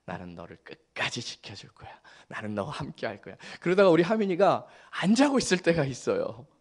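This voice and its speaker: A male pastor in his forties preaching a Sunday sermon, telling family stories with hushed tender passages and bursts of laughter. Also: on the high side, a little fast, breathy edge. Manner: storytelling, shifting from hushed tenderness to excited laughter.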